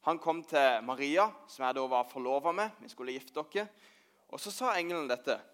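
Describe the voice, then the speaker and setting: A man's voice: mid-range voice, a bit bright, close to an everyday voice. A man playing old Josef in a children's church skit, rambling and hesitant as he searches for words. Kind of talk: children's church role-play.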